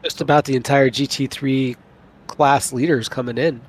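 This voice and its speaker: A man commentating live on a long race, with an eager, tumbling delivery that repeats words as he gets excited. He sounds slightly tired from the long broadcast, and his voice sits in a mid register with faint hiss in the background. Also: medium pitch, moderate pace. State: sleepy late in a long broadcast. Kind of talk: live sim racing commentary.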